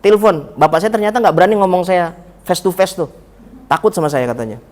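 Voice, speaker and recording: A man leads a religious study circle in a mosque, talking fast with a high-sitting voice and lively intonation. He's humorous and full of anecdotes, often turning to his listeners as Pak and Bu.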